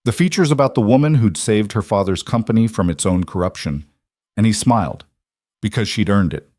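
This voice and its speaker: A man reading a dramatic story in a measured, even delivery. His voice sits low. The sound is dry and close. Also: no echo. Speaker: narrator. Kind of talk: scripted story narration.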